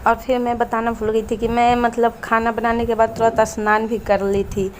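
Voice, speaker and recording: A woman chatting in a casual home vlog, often pausing to search for the right word. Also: fairly high pitch, flat delivery, slight background noise. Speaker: home vlogger. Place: home in an Indian village.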